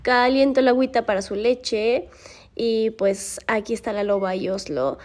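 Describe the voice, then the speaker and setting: Squeals and laughter fill this pet vlogger's playful, casual talk to camera about her animals. Her fairly high voice is a touch mellow and moves at a moderate pace.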